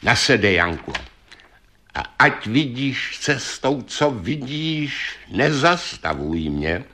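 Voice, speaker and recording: A man voicing a wise magic talking horse that gives calm advice and sudden urgent warnings. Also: mid-range voice.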